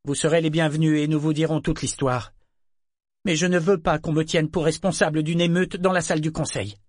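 A man's voice: a little high, steady tone, brisk, dry recording, studio quality, pitched above the performer's own voice, lightly acted. A man voicing a young merchant woman who speaks out, raised and urgent. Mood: firm.

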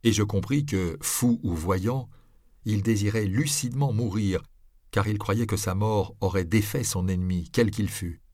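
A man with a low voice narrates an audiobook in a measured, even way. The sound is close and dry, with no room around it. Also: no room sound.

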